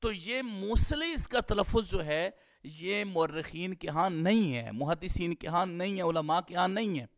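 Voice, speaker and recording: High-voiced man lecturing slowly. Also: expressive. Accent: Pakistani Urdu. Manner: explains slowly, stretching out words to spell pronunciations. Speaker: Islamic scholar teaching hadith studies. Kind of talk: classroom-style lecture.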